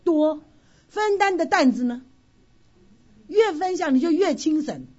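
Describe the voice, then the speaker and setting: A woman tells an emotional personal testimony at church, her fairly high voice swinging up and down as she sighs through her story. Her tone is mellow and a little husky. The recording sounds dull and lo-fi. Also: a little slow. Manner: expressive storytelling with frequent sighing exclamations. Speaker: church member sharing a testimony.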